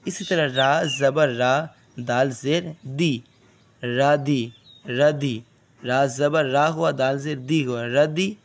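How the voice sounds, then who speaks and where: A man teaching Arabic letter sounds in a slow step-by-step lesson, often asking a question and then answering it himself. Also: mid-range voice, slight background noise. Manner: patient, asks questions and answers them himself. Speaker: Quran reading teacher.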